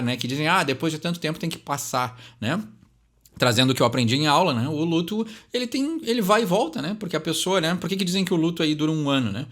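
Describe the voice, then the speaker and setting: A young man from Brazil, voice on the high side and a little bright, casually explains song lyrics for his channel. His Brazilian Portuguese accent comes through as he chats, sprinkling "né?" into his pauses and sentence ends and taking the English lines slowly.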